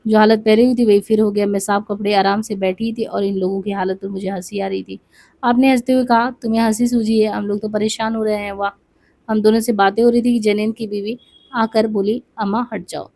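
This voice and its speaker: A woman's voice: medium pitch, steady tone, brisk, darkish tone. A woman reading a memoir aloud for exam study, voicing its dialogue with small asides and restarts.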